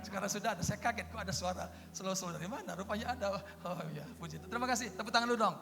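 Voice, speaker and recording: A pastor in his fifties preaching a sermon in a church hall, moving from quiet storytelling to loud exclamations of praise. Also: high-pitched, rapid-fire, gravelly, background noise. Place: church hall with music playing. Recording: long hall reverb with music.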